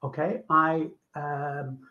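Speaking from his home on a video call, an older English doctor with a Manchester accent, originally from Manchester, chats informally about his life and work, often saying um and repeating himself. His slightly high voice holds a level tone and draws out words, over dull, lo-fi call audio.

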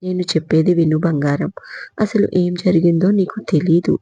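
Woman narrator doing a gentle anxious young man, dark-toned, storybook read on a dry mic. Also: fairly low pitch, fairly even intonation, normal speed, husky, no echo, lo-fi sound. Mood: anxious, soothing. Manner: coaxing, soothing. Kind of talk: audiobook character reading.

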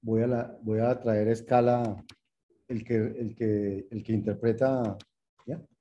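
Slow and level, a low, dark male voice delivers a programming lecture while typing code live, thinking aloud, repeating points patiently and checking in with students formally through rhetorical questions. The recording is muffled, with slight background noise.

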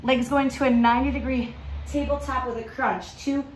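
Woman in her thirties, high voice, fitness coach, motivational pep talk, short urging commands, exerting herself, echoey garage gym. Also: fairly even intonation, normal speed. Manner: exerting herself while talking. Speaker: fitness instructor leading a workout. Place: home garage gym, indoors. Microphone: camera a few metres away. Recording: echoey room from a distance, faint noise.

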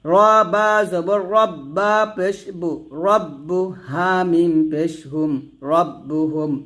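A man with a rather high voice teaches a step-by-step recitation lesson. He speaks, spelling out each letter slowly and then blending the letters into words for his viewers to repeat. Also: steady tone. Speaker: Quran reading teacher.

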